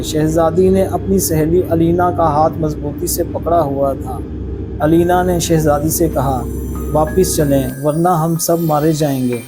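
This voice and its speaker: A male storyteller reading a scripted spooky tale with a measured, dramatic delivery. His voice sits high for a man and he takes his time over every line. Clear background music runs under the narration. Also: poor audio.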